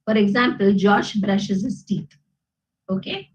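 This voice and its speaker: Her pitch swings widely around a mid-range voice as this Indian English-accented woman teaches grammar a little slowly, on lo-fi sound. Patient in her explanations, she keeps asking "okay?" and "isn't it?" to check her class follows.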